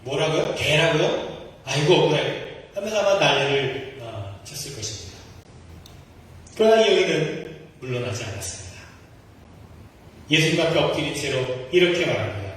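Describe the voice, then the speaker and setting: A man's voice: medium pitch, big pitch swings, normal speed, long pauses, a bit bright. A male pastor delivering a sermon in a church sanctuary, earnest and asking the congregation rhetorical questions. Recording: echoey hall from far off.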